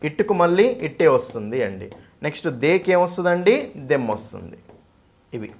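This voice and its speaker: A man teaching English grammar for an exam in Telugu-accented speech, mixing in English terms and asking students questions that he answers himself. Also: a little high. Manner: asks students questions and answers them himself, repeats key points. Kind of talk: exam-prep grammar lesson.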